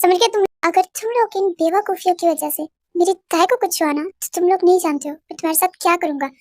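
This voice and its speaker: A woman's voice: extremely high pitch, quick pace, a little mellow, no echo, studio quality. A woman voicing a protective young man who anxiously coaxes and questions in a fan audio drama. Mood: commanding. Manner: urgent, coaxing, anxious questioning.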